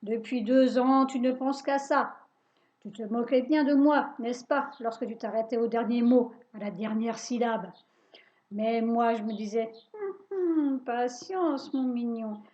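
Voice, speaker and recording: A woman voicing a sour, mean little old witch with a pointed, shrill voice and a mocking, sneering manner, in a dull lo-fi recording. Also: measured pace, mellow, lightly acted.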